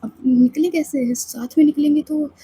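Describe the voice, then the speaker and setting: A woman's voice: sits high, fairly even intonation, normal speed, dark tone, low-quality recording. A woman doing a stammering, cornered young woman. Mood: tense. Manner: stammering, urgent. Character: cornered young woman, tense then hushed.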